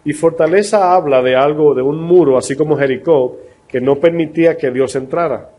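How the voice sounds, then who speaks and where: Preaching in a conversational manner, a man with a mellow, high-leaning voice puts rhetorical questions to his listeners. When he reads scripture, he does it slowly and deliberately.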